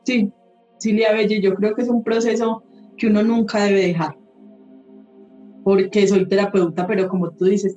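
A woman's voice: mid-range voice, warm tone. Frank woman telling stories. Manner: candid storyteller who swears casually. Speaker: holistic therapist guest. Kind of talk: casual podcast conversation. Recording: roomy, slightly dull sound, faint music.

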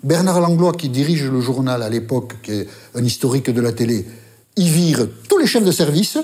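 An older man with a Basque accent, telling stories from his career as a journalist in a lively, casual way with the odd swear word. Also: medium pitch, a little fast. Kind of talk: interview storytelling.

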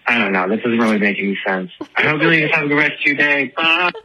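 He talks fast in a medium-pitched, bright, forceful, animated voice. He's a listener who has called a show to leave a casual message, and his story tumbles out chatty and dramatic, full of self-deprecation, on a phone-like recording.

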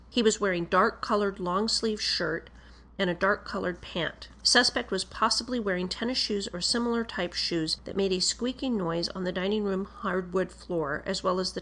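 A woman with a medium-pitched voice reads a written police report aloud. Her delivery is formal and procedural. She keeps a measured, matter-of-fact manner throughout. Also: a bit bright.

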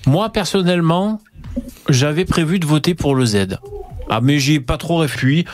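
A male host running a live stream, talking in a relaxed way to the viewers. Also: fairly high pitch, moderate pace, faint music behind.

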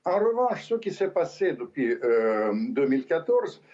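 A man's voice: on the high side, sing-song, a little mellow. Older man on a dull remote line. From Ukraine. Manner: insistent, halting with restarts. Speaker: guest commentator, former diplomat. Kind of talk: remote interview answer.

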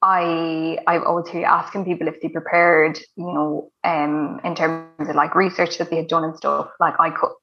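A woman's voice: sits low, little pitch movement, moderate pace, hardly any pauses, dull audio, faint music behind. A woman with a west of Ireland accent telling her own story casually as an interview guest, chatty and emphatic, repeating words to stress them.

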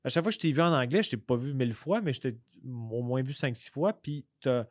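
A man with a Québécois accent chatting casually as a comedian guest on a podcast, rambling with many halting restarts. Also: medium pitch, no room sound, clean studio sound.

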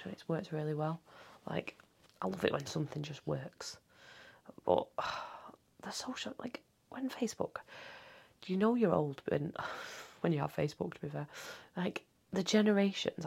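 A woman in her thirties hosting a casual solo podcast at home late at night. She rambles and swears freely, and she often drops into a hushed half-whisper. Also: lowish voice, creaky, husky. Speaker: podcast host.

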